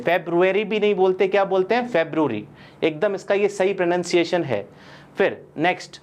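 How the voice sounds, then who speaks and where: A man teaching an online English pronunciation lesson. He asks his students questions, answers them himself and repeats each word slowly. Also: high voice. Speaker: coaching-class English teacher.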